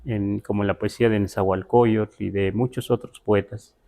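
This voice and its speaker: A man from the Huasteca region of Mexico teaching a live online Nahuatl class, explaining words slowly with many fillers and check-in questions. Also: fairly low pitch, fairly even intonation, warm tone. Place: Mexico City.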